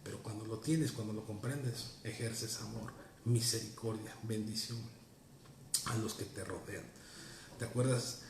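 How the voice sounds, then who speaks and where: A man's voice: fairly low pitch, steady tone, a little slow, vocal fry, echoey room, noisy background. A man preaching a sermon in an earnest, teaching tone, repeating key phrases for emphasis. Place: church.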